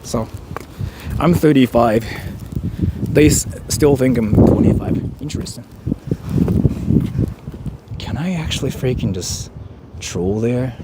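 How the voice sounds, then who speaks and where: A Japanese man in his 30s chats casually on a live stream, reading out viewer donations in a medium-pitched voice with lively intonation, a slow pace, and long pauses. He rambles and jokes, saying "like" a lot, against background noise.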